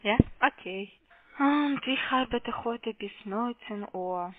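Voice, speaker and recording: Over a muffled, narrow telephone line, a non-German-speaking call center agent makes a sales call, her polite questions hesitant and repetitive. Her voice is fairly high and she takes her time, with no room sound.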